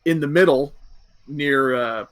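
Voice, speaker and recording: A man's voice: a little high, slow, fairly bright tone, clean tone. A man narrating a tabletop game as game master, easygoing and descriptive, with fillers.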